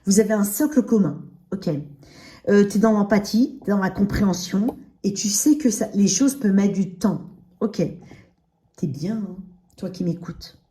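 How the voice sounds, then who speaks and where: Mellow-voiced woman talking with braces in. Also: mid-range voice, moderate pace. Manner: speaks with dental braces in, slightly slurred articulation; addresses listener directly with frequent check-in tags. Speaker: tarot reader. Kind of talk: casual intimate tarot reading.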